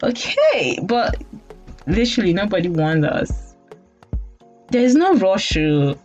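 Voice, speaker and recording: A Nigerian-accented woman in her late twenties hosts a podcast, telling stories in a rambling, self-mocking monologue punctuated by frequent laughter. Her medium-pitched, darkish voice swings widely in pitch as she takes her time. The lo-fi audio sounds dull, with faint music underneath.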